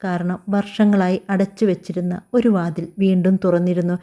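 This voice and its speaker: A woman reads a scripted family story aloud in a calm, unhurried voice. Her tone is very dark and mellow, even from line to line. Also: lowish voice. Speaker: narrator.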